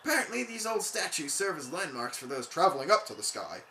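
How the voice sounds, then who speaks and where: Surfer-dude rock creature with a hillbilly twang , voiced by a let's player: bright, swooping drawl, says "bud" a lot. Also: medium pitch, very animated, fast talker, reverberant, voice pushed up. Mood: laid-back. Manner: calls the listener "bud". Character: excitable male rock creature who talks like a surfer.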